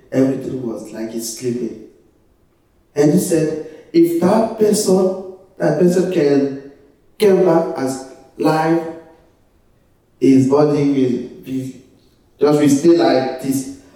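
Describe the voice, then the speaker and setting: Slow-spoken Ivorian man in an echoey room. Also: on the high side, warm tone. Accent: Ivorian French. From Ivory Coast, West Africa. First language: French. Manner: halting, searching for words in limited English. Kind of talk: personal testimony to a group. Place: echoey room, away from the mic. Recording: very echoey room, distant mic.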